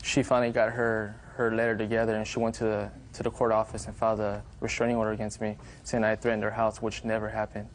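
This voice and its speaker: Brief: male TV court litigant, lowish flat voice, quick account of his side, some room noise behind. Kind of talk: explaining his side to a judge.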